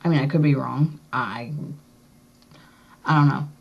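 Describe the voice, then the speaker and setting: Low-voiced woman with a slightly swollen tongue. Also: a little slow, vocal fry, breathy edge. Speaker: vlogger. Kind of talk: casual chat to camera, piercing update. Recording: dull, lo-fi recording.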